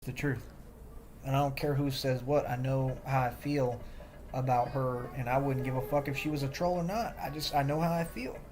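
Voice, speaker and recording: A man's voice: medium pitch, steady tone, normal speed. A man talking on a livestream, boastful and defensive, repeating himself as he rambles. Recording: loud music behind the voice.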